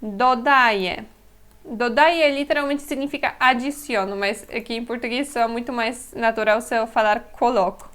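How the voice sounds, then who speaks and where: A woman whose first language is Polish, teaching Polish words in a slow, explanatory lesson, repeating each word carefully and laughing lightly now and then. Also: fairly high pitch, steady tone, a bit bright, clear, resonant tone.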